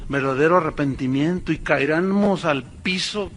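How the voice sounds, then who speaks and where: High, bright-voiced Mexican preacher. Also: male voice, normal speed, a little hiss or hum. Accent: Mexican Spanish. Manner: animated storytelling with mocking impressions. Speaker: pastor. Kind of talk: sermon.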